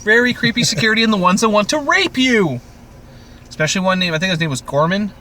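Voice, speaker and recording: With a high, expressive voice and a sharp tone, a Canadian man talks at a quick pace while co-hosting a podcast. The chat is a casual TV recap full of jokes, rambling, and swearing, and background noise can be clearly heard.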